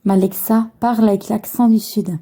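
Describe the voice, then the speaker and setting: A woman hosting a video, giving a smart speaker brief, deliberate spoken commands. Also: mid-range voice, level tone, mellow.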